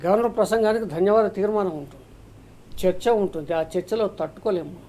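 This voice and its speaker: A man with a high voice makes his case hard as a commentator on a televised political debate. His tone is dark and mellow in spite of the pitch. He argues emphatically and drops in a story to drive the point home. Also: brisk. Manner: emphatic, argumentative, tells parables. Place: TV news studio or remote link.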